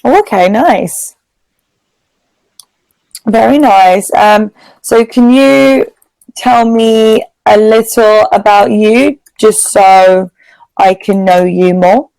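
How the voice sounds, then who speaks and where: She's a British-accented woman from England giving a relaxed online English lesson over video call, phrasing things simply for her student. Her mid-range voice is slow, gravelly and darkish, with frequent pauses, captured in a low-quality recording without room sound.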